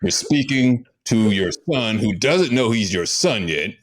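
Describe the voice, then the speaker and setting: A man with a fairly low voice hosts a comedy show. He rambles through an improv bit as a casting director, teasing the others and laughing as he goes. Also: animated, unhurried, a little hiss or hum. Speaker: host playing a casting director.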